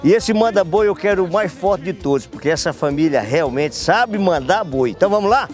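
A middle-aged man from TV, speaking in a Northeastern Brazilian accent. His voice sits high and he presents like a hyped rodeo announcer on a handheld mic outdoors, with light music underneath. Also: lively intonation, moderate pace. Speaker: TV show presenter and reporter. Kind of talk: on-location presenting and interviewing for a rodeo show. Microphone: handheld microphone. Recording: outdoor TV report with faint music bed.

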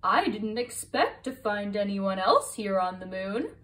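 A woman voicing a friendly, easygoing astronaut in a storybook, speaking slowly and casually. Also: mid-range voice, sing-song, a bit bright, recorded from a distance, voice pushed down.

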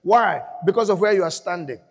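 A man's voice: high voice, lively intonation, fairly quick, gravelly, in a large hall. A man pastor delivering an emphatic sermon in a church, repeating phrases for effect.

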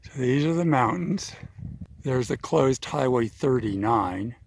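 A man's voice: medium pitch, animated, unhurried, gravelly, a little hiss or hum. A man narrating his hike outdoors, out of breath and thinking aloud as he walks. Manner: thinking aloud while hiking. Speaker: vlogger. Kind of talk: outdoor hiking vlog narration. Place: outdoors on a mountain trail.

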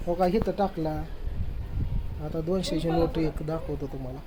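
A man's voice: a little high, normal speed, a crowd in the background. A man telling a family story to the camera in a casual way, acting out what others said. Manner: lively retelling that acts out others' quoted words. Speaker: family vlogger. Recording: echoey room with faint ambient noise.

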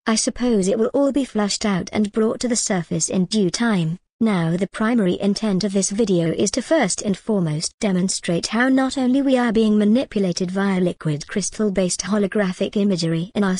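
A woman's voice: medium pitch, warm tone, dry recording. A woman delivering a scripted video monologue, mixing wry joking asides with earnest persuasion. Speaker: video creator.

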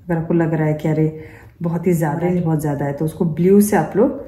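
In this instructional demonstration, recorded in a room with noticeable echo, a makeup teacher talks fast in a deep, warm voice with fairly even intonation. She walks her students through every step and keeps asking them rhetorical questions.

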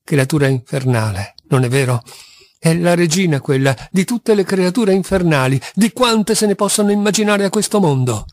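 A man's voice: sits high, expressive, moderate pace, dry recording. Man reading as Dmitri, a tormented impulsive young man. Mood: feverish. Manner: impulsive, swings from despair to wild exultation. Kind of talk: audiobook character reading.

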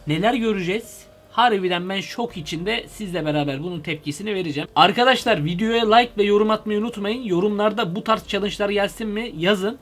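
A young man hosting a comedy video from his computer, talking animatedly into a headset mic and shouting in mock fright. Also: high voice, fast talker, hardly any pauses, soft background music. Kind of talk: excitable comedic vlog. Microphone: headset microphone.

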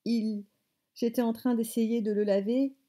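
A woman's voice: a little high, fairly even intonation, measured pace, dark tone, close to an everyday voice. A woman reading aloud voicing an old grandmother who is tearful and outraged, her voice raised and whimpering.

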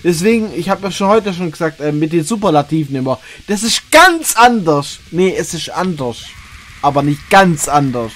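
A man's voice: on the high side, very animated, moderate pace, a bit bright. A man from the West Palatinate, chatting casually on a live stream and repeating words while he searches for them. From West Palatinate, Germany. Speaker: streamer host.

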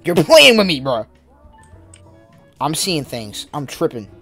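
A young man banters casually with strangers in a VR game. His delivery is slangy and indignant, with very lively pitch. Music plays behind his voice. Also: slow. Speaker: streamer playing social VR.

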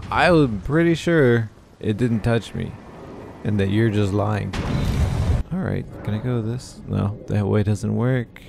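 A man's voice: lowish voice, gravelly, background noise. A young man giving casual, profane commentary while playing a video game, talking back to the enemies on screen. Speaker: gaming YouTuber. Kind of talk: casual let's play commentary. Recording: game music behind voice.

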